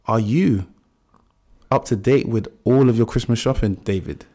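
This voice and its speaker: Podcast host: young man, London roadman accent, mid-pitched voice, casual slangy banter. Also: moderate pace, mellow. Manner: slangy urban British street talk.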